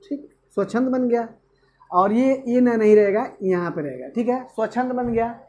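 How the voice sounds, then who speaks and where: A man's voice: extremely high pitch, normal speed, warm tone. A male teacher giving an exam-prep grammar lesson, asking questions and answering them himself. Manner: asks and answers own questions, repeats "okay".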